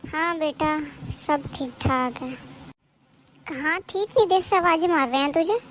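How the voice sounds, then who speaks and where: A sharp-tongued middle-aged neighbor aunt, played by a woman in a home-drama cartoon. Her voice sits very high and thin, and she scolds and grumbles in a steady nagging manner. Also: measured pace, a little hiss or hum. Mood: scolding. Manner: scolding, complaining. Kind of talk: animated cartoon voice acting.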